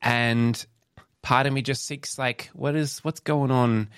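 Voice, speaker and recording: A man's voice: medium pitch, steady tone, slow pace, fairly bright tone, smooth, no room sound, clean studio sound. A man hosting a podcast in casual chat, rambling and reflective, often laughing. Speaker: podcast host.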